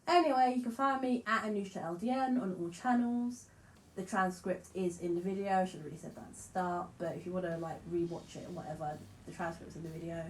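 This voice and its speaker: A woman musician talks to camera in a loose, frank vlog style, swearing casually and poking fun at herself. Her voice sits a little low and carries a slight lisp. The room around her adds a noticeable echo. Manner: frank, chatty, swears freely, self-deprecating. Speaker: musician vlogger.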